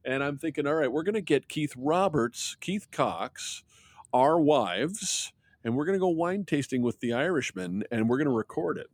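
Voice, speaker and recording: A man's voice: fairly high pitch, lively intonation, normal speed, no room sound. A man hosting a podcast outdoors, chatting casually into a close microphone with lots of laughing and restarts. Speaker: podcast host. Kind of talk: casual chat. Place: outdoors, with jets passing over.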